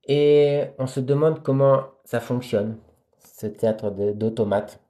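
A man with a mellow, dark voice reads a novel aloud at a steady pace, speaking into a phone on a live stream. Between passages he chats with viewers in plain, hesitant speech. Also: mid-range voice, takes it slowly. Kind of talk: live reading aloud with chatty asides to viewers.

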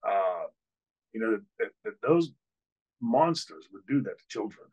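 Speaking from a hotel room over a webcam video call, this older former wrestler turned host recounts a candid story in an interview, full of fillers and restarts. His voice sits fairly low, with a darkish tone, an expressive delivery, and a measured pace, though the recording quality is poor.

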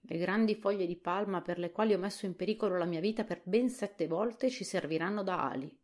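A woman voicing a practical, matter-of-fact male tin woodman in a soft whispered role-play audiobook. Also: fairly low pitch, fairly quick, lightly acted. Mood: explaining.

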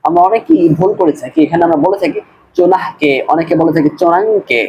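Guy teaching over a screen share, kinda high voice, slow and patient, little hiss behind. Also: mellow, low-quality recording. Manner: patient, repeats and explains each word, corrects pronunciation. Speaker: madrasa grammar teacher. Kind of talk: screen-based recorded class, line-by-line translation.

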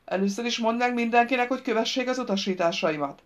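A woman shouting as a menacing male thief. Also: medium pitch, natural voice. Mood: threatening shout. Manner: shouted commands, threatening.

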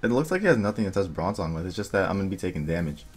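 Deep-voiced young man muttering game commentary. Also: big pitch swings, slightly rough. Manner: muttering to himself, thinking aloud, quick asides. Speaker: gaming video creator. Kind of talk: casual gameplay commentary. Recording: faint music underneath.

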